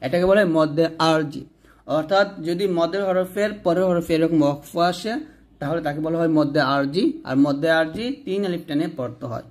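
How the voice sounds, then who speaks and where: With a Bangladeshi Bengali accent and a fairly high pitch, a man teaches recitation step by step. He spells out letters, then chants each word slowly and drawn out, slipping in quick explanations between.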